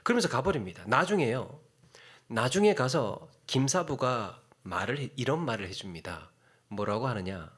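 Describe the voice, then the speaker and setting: A middle-aged man preaching a sermon as a pastor, telling a story with sudden hushed drops and sharp rises for emphasis. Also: mid-range voice, expressive, normal speed, slightly rough.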